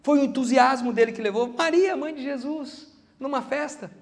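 A man with a strikingly high voice and a Brazilian Portuguese accent delivers a sermon. He preaches with animation, acting out the Bible figures in their own voices as he speaks. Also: moderate pace, long reverb tail.

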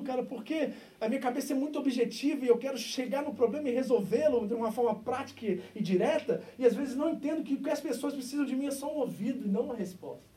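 A man with a Brazilian accent preaching a sermon as pastor, moving between loud, emphatic stretches and quiet, intimate asides. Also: extremely high pitch, far from the mic. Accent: Brazilian Portuguese. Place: church service.

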